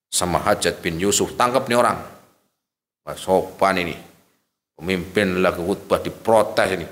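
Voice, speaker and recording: A man giving a religious study lecture, telling stories lively and acting out the dialogues. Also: low-pitched. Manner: lively storytelling, acts out dialogues. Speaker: Islamic preacher. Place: mosque or study hall. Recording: reverberant hall.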